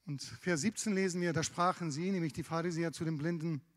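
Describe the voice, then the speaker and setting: A man's voice: a little high, fast. Man preaching in a reverberant hall. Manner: conversational, lively retelling of scripture with asides. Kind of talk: sermon.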